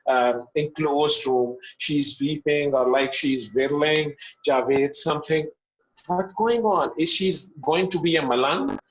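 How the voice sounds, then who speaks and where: A middle-aged man with a Pakistani accent telling a personal story as an interview guest, in halting phrases with repetitions. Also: on the high side, lo-fi sound.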